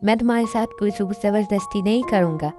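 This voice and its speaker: A woman's voice: medium pitch, fast talker, music in the background, close to an everyday voice. A woman voicing a worried middle-aged father and company owner in an amateur dub, talking in an anxious, pleading way.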